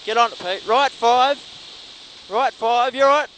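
Rally co-driver, male, high urgent voice, clipped repetitive rapid pace notes, over clear engine and road noise. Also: a bit bright, rough recording. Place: inside a moving rally car. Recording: in-car recording with clear vehicle noise.

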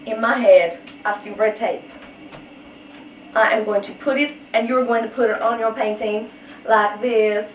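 A woman's voice: a little high, steady tone, a little slow, slight background noise. Chatty woman teaching a painting lesson. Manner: chatty, playful, retells story in slang. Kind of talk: casual art lesson with storytelling. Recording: echoey, tinny, far from mic.

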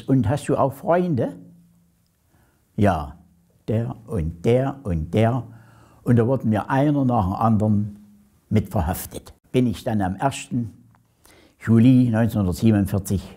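A man in his eighties recounting his past in an interview, speaking slowly with halting pauses. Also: medium pitch, dark tone, slightly rough. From Germany. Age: 80s. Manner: slow, halting, pauses often. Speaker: former prisoner, interviewee.

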